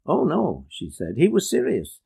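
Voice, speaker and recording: A prim, earnest Scottish do-gooder, as a man puts her on. She speaks insistently and sits well above a male speaking pitch, with a prim, fussy lift to her lines. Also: huge pitch swings, normal speed, vocal fry, darkish tone, husky, heavily acted.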